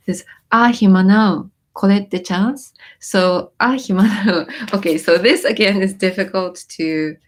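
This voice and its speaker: A woman with a somewhat low voice hosts a relaxed livestream chat. Born in Japan with Japanese as her mother tongue, she was raised in the US. She reads out viewer comments and explains lyrics, pausing on ums and restarting her sentences.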